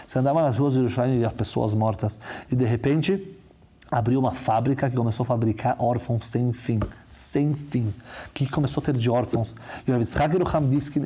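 A man tells a religious story at a brisk clip, emphatic and fond of repetition. His voice sits dark and mellow, and the words keep tumbling out quickly. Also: mid-range voice. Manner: emphatic, repeats words for effect. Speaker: religious teacher.

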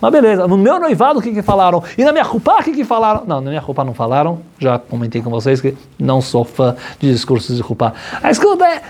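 A man, a religious teacher, telling a story in an animated class, his voice climbing high when excited. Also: fast, hardly any pauses.

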